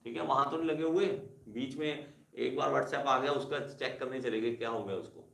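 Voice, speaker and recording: A man's voice: mid-range voice, normal speed, creaky, fairly bright tone, echoey room. A male engineering teacher giving a classroom lecture, repeating key terms and calling his students kids. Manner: repetitive, addresses students as kids.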